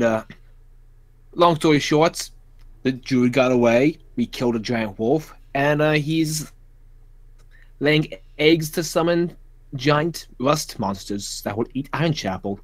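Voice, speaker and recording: A man's voice: mid-range voice, no echo. A man speaking in character as a player in a tabletop game, casual and summarizing with fillers.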